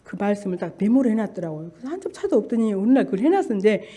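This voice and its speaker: A woman's voice: mid-range voice, sing-song, racing, warm tone, slightly rough. An older woman, a church deaconess, telling her spiritual testimony in an earnest, fervent way and urging her listeners on. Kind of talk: emotional spoken testimony.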